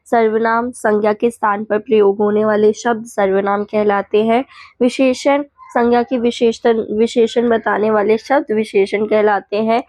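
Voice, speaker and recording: A woman teacher going quickly through exam revision points, listing definitions and checking in with the class as she goes. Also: a little high, little pitch movement, a little mellow, no echo.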